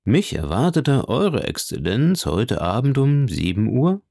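A man's voice: medium pitch, big pitch swings, measured pace, mellow, dry recording, voice pushed up. Man doing a timid old major, nervous and eager, hesitant questions, dry close sound. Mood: uneasy, wondering.

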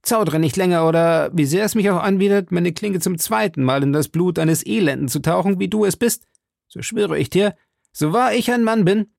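A bold young musketeer who barks his orders and threats with fiery urgency, as a male reader acts him out. The voice is pitched well above the reader's own and carries a gravelly edge. It is recorded close and dry. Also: normal speed, darkish tone, no echo. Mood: commanding. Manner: commanding, threatening.

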